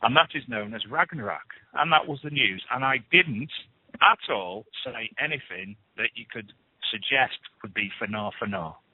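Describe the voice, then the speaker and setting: A man's voice: mid-range voice, expressive, moderate pace. A man hosting a radio show, reading paranormal news with chatty, scoffing asides. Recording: phone-like lo-fi radio, dry.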